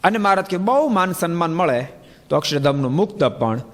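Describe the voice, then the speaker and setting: A preacher with a Gujarati accent delivers a sermon in a large hall, telling stories in an animated way and acting out the dialogue. His voice is fairly high-pitched and brisk.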